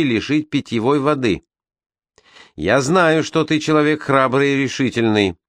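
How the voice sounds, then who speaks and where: A man plays a grave ship's secretary in a storybook reading. He talks slowly and reproachfully, his pitch rising and falling widely, in a dry, close sound. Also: fairly bright tone, no room sound, close to an everyday voice. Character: stern, sorrowful male ship's secretary.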